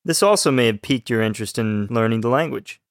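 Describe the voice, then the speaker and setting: A man from Texas, co-hosting a scripted language podcast as the student and reading his lines in an even delivery. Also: mid-range voice, quick pace, no echo, clean studio sound. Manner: even, read-aloud delivery. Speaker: student co-host.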